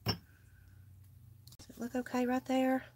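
A woman with a Southern US accent and a high, slightly mellow voice speaks slowly in a completely flat tone. She's a craft livestream host at an indoor craft table under an overhead camera, chatting casually with viewers as she works.

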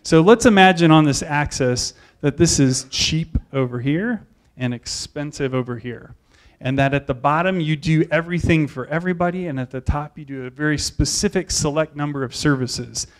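A man in his thirties speaks to a conference audience in a slightly high voice. He tells his stories with energy and acts out the lines of the people in them. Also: normal speed. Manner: animated storyteller, acts out quoted voices. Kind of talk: storytelling keynote talk.

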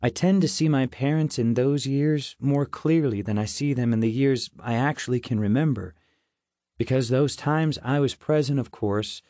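A man reading a novel aloud in first person, in a measured and reflective way. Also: mid-range voice, dark tone, dry recording, clean studio sound. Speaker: audiobook narrator. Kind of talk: scripted first-person narration.

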